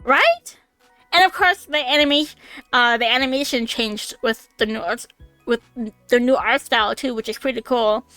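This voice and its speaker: A young woman in her twenties chatting on a home stream, her voice high and bright, with a smooth, clear tone. She rambles excitably through fillers and laughter and swears casually. Faint music plays behind her. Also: normal speed, no room sound. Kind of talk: casual chat on a live stream. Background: faint background music.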